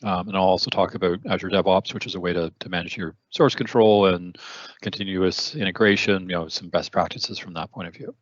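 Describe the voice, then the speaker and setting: A man's voice: deep voice, steady tone, brisk, dry recording, highs cut off. A man hosting a technical webinar in a conversational way, with many fillers and repeated words, his voice a bit worn. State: losing his voice, clearing throat. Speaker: webinar host.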